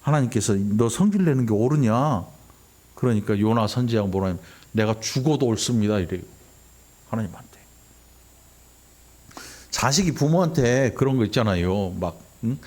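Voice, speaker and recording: Animated Korean pastor preaching. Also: male voice. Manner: conversational preaching, constantly asking the congregation "응?"; acts out quoted lines with sharp jumps in pitch. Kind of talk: sermon. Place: church sanctuary.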